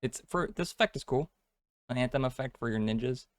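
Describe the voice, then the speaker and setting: A man's voice: mid-range voice, a little fast, no echo. Casual, slangy man chatting on a dry mic. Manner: laid-back slang, says dude often. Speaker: co-host of a card game stream. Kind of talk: casual chat, off-the-cuff commentary.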